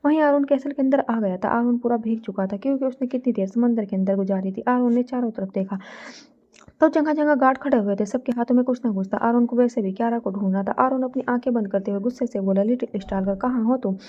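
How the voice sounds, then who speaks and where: A woman narrating a romantic story from a script in a steady reading voice. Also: on the high side, quick pace, muffled recording.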